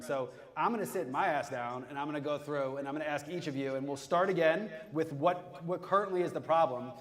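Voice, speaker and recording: A man hosting a live panel, with casual, rambling, joking banter. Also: a little high. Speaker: panel moderator and podcast host. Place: live event stage.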